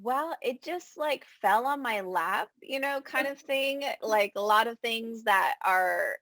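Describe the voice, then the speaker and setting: A woman in her thirties from California, a guest chatting casually on a video call, relaxed and full of "like". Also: on the high side, slow pace, no room sound. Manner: relaxed, chatty, says "like" a lot, acts out her own thoughts. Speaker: feng shui consultant, guest. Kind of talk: casual interview.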